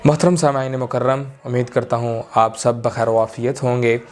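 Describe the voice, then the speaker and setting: A man teaching Quran reading in a slow, deliberate way, drawing out syllables and using many fillers. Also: medium pitch, flat delivery. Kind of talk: slow recorded lesson.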